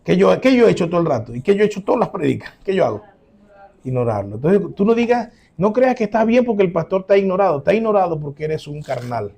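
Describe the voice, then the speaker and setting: A man preaching as a pastor, emphatic, acting out quoted voices with sudden loud rises, then closing in prayer. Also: high voice, sing-song, fast talker, vocal fry. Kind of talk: sermon.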